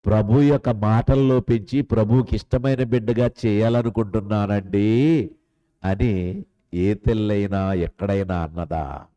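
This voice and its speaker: A man preaching a sermon as pastor. He asks many rhetorical questions and swings between loud, high lines and soft, low ones. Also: steady tone, a little slow, muffled recording.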